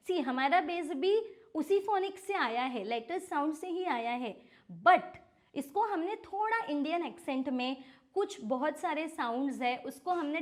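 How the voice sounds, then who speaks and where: An Indian woman who teaches phonics, explaining as a podcast guest in a mix of Hindi and English and slowly spelling out letters to make her point. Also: high voice. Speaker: phonics educator and franchise owner.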